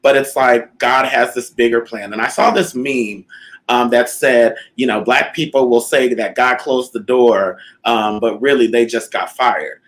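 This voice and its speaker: A man's voice: mid-range voice, fairly even intonation, measured pace, fairly bright tone, low-quality recording. A man born in Canada hosting a talk show, speaking in a reflective, casual way with frequent fillers. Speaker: host. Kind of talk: casual chat.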